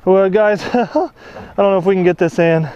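A young man filming his magnet fishing outdoors on a lake dock, chatty and excitable, talking to his viewers. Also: high voice, moderate pace, highs cut off. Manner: excitable, chatty, keeps addressing viewers as boys. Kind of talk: excited outdoor vlog commentary. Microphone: action camera worn on the body.

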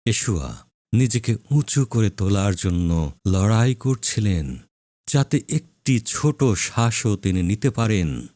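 A man preaching a dramatic sermon, slow and solemn, leaning hard on emphatic words with long pauses. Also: deep voice, a little mellow, no room sound.

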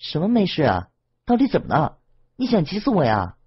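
一名男性朗读者在有声小说中扮演一个焦急不安、连声追问的年轻女子，录音音质发闷。. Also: male voice, fairly high pitch, wildly swooping pitch, a little fast, slightly rough, dull audio, voice pushed up, full character voice. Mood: anxious. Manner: urgent, pleading questions.

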